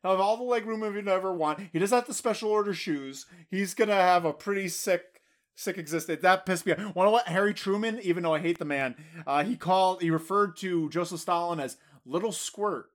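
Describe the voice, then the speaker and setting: A man's voice: high-pitched, brisk. A man co-hosting a casual history podcast, bantering with mock outrage and jokes. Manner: joking, mock-indignant banter. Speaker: podcast co-host.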